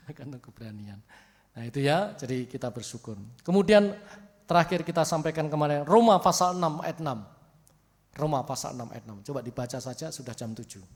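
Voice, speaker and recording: A man's voice: on the high side, brisk, darkish tone, big-room sound. A man with a Javanese accent preaching a sermon as pastor, joking and slipping in playful Javanese asides. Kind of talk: sermon with humor. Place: church.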